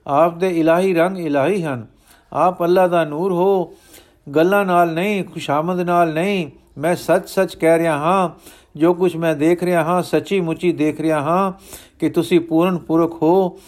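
Earnest old chieftain, reverent and pleading, a bit high voice, done by a man. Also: fairly even intonation, moderate pace, a little mellow, natural voice. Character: grieving devoted chieftain, older man, earnest.

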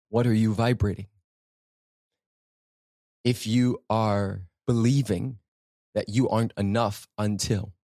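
A man's voice: on the low side, darkish tone, dry recording, clean studio sound. A man hosting a spiritual self-help podcast, speaking off the cuff in an emphatic, preacherly way, with rhetorical questions and repetition. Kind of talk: impromptu motivational talk.

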